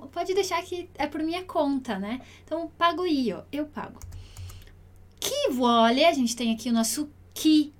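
A woman with a Brazilian Portuguese accent teaching an online Italian lesson, speaking clearly and patiently and repeating words slowly for pronunciation. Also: a little high.

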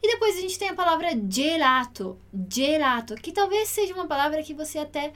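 A woman with a Brazilian Portuguese accent teaching an online Italian lesson, speaking clearly and patiently and repeating words slowly for pronunciation. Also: high voice, sing-song, a bit bright.

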